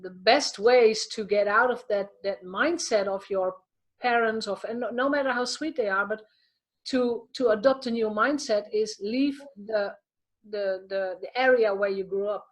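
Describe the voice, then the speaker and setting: A woman from the Netherlands with a Dutch accent, a coach chatting as an interview guest, telling stories with lively restarts. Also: mid-range voice, normal speed. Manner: lively storytelling with frequent restarts. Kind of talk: casual interview chat.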